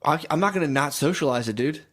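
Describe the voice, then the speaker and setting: A man's voice: a little high, expressive, fast talker, a bit bright. A young man in casual chat, rambling and profane as he defends his dogs and tells stories.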